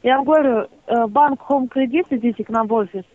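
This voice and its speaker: A woman's voice: fairly high pitch, fast talker. A woman working as a bank collections agent on a phone call, curt and dismissive. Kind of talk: customer service phone call. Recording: tinny, narrow-band phone line.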